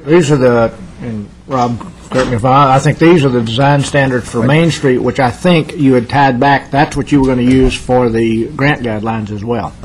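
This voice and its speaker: A man's voice: mid-range voice, moderate pace, few pauses, a little hiss or hum, rough recording. A man on city staff answering commissioners in a meeting, hesitant and trailing off. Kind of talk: public meeting discussion.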